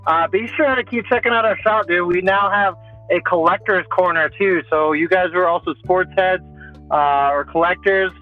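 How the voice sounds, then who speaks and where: A high-voiced man talks at normal speed without echo, hosting a podcast full of casual sports slang and repeated bro-ish phrases. The remote phone call comes through a tinny line with faint music.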